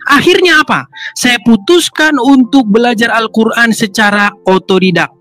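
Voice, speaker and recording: A man's voice: very high-pitched, normal speed, fairly bright tone, soft background music. Insistent man, debate host, presses his questions over and over. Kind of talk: heated debate.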